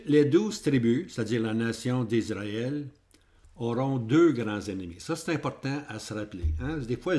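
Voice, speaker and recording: A man with a Québécois French accent gives a Bible prophecy lesson, pointing things out on maps. He repeats his key points and keeps checking in with his listeners. His voice sits at a middle pitch for a man. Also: a little mellow. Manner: repetitive, checks in with "hein?" and "ok?". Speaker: Bible teacher.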